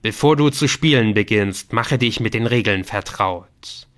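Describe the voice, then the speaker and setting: A man voicing a mysterious computer game that speaks in slow, loud, solemn pronouncements. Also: fairly low pitch. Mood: solemn commanding.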